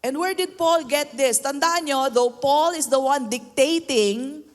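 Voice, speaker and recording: A Filipino woman pastor delivers a sermon in a high voice, unhurried and deliberate. She mixes Tagalog with English and keeps asking the congregation for amens. Her voice rings with a long reverb, as in a large hall.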